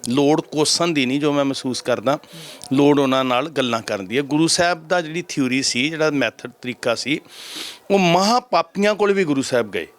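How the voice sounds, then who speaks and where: A man from Punjab, India, serving as head granthi and answering interview questions in a measured, preaching cadence. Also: on the high side.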